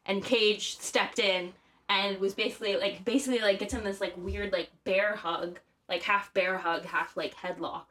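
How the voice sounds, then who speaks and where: A woman's voice: steady tone, moderate pace, fairly bright tone. A woman co-hosting a casual podcast, telling stories in a rambling way with many fillers. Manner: rambling, many fillers, bursts into high acted quotes. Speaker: podcast co-host. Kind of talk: casual chat, storytelling.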